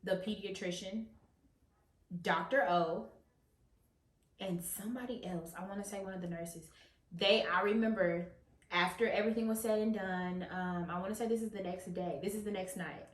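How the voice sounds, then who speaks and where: A woman telling her birth story in a casual, halting way. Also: mid-range voice, fairly even intonation. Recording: roomy sound.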